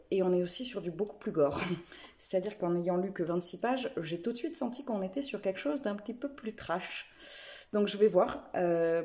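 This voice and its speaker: A woman's voice: fairly low pitch, dark tone. A woman reviewing books in a casual chat, hesitant and full of fillers. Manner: chatty, hesitant with many fillers. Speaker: book and knitting vlogger.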